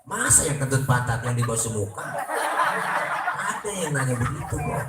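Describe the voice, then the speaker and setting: A man with a Jakarta Betawi accent delivers a comic sermon at a prayer room gathering, acting out both sides of the dialogues in his stories. His medium-pitched voice is very animated at a moderate pace. The mic is distant, and the room is echoey with noisy ambience.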